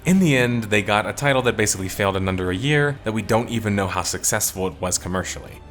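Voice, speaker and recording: A man delivers scripted video-essay commentary in a fairly low voice. His voice sounds tired and strained, and his delivery is opinionated and wry. Faint music plays quietly beneath the narration. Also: quick pace. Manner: opinionated, wry, detective-themed wrap-up.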